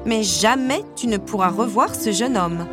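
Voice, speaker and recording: A woman's voice: medium pitch, a little slow, music in the background, close to an everyday voice. A woman voicing a stern, worried elder fairy godmother in a storybook, firm and regretful.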